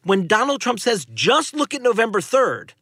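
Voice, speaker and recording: A man's voice: very high voice, very animated, normal speed, fairly bright tone, slightly rough, no room sound, clean studio sound. A man co-hosting a political news podcast, giving emphatic conversational analysis and repeating key phrases for weight. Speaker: podcast co-host, political director.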